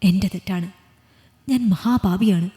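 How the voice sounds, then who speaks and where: A woman's voice: mid-range voice, normal speed, dark tone, echoey room, big-room sound, close to an everyday voice. A woman voicing a frail, bedridden older father in a storybook reading, bitter and self-pitying. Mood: guilty.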